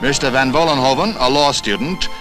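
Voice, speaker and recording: A man narrating an old 1960s newsreel in a measured, formal announcer delivery. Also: medium pitch. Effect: old 1960s newsreel recording with music behind. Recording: old newsreel soundtrack with music. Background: music.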